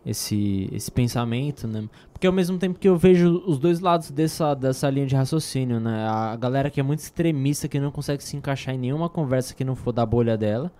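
A man with a Brazilian Portuguese accent speaks in a relaxed, mellow voice of medium pitch. He chats informally with slang, pausing and repeating words as he shapes each thought. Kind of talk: casual podcast chat.

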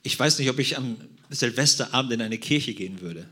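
A man's voice: mid-range voice, animated, fairly quick, bright, forceful tone, husky. A man preaching and praying, talking directly and conversationally to his congregation. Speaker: pastor. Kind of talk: sermon.

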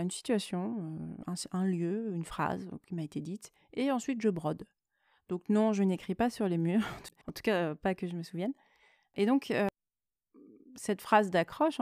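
A woman hosting a podcast, reading her own creative writing and commenting on it in a soft, partly whispered way, with hesitant conversational asides. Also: lowish voice, no echo, studio quality. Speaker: podcast host and author.

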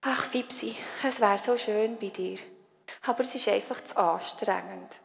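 A woman's voice: mid-range voice, a little slow, gravelly, in a large hall. A woman voicing a homesick young male bunny who speaks earnestly. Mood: regretful.

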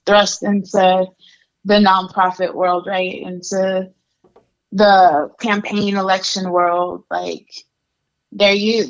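A young adult woman from Mexico, speaking at medium pitch, gives a candid, conversational account of her life story as an interview guest, with frequent fillers. The sound is muffled.

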